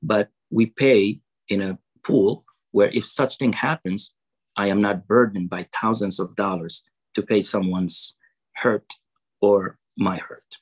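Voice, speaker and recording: A man preaches an online fundraising sermon for a charity drive in a low, husky, steady voice. He recites a saying in Arabic, then slows down to translate and explain it, with rough audio coming through a webcam on a video call.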